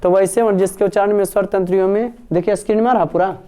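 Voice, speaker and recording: A man's voice: sits high, fairly even intonation, rapid-fire, mellow, smooth. A male teacher, dictating a grammar lesson word by word and quizzing his students. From Bihar, India.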